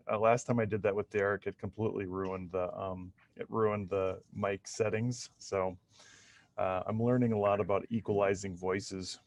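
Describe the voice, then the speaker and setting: A man's voice: on the low side, a little mellow, dry recording. A man hosting an interview podcast in casual, conversational talk. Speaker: podcast host.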